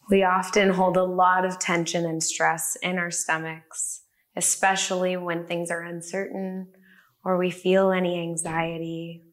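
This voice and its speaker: A woman leading a guided body-scan meditation, speaking softly and soothingly with long pauses. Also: lowish voice. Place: a room with the listeners present.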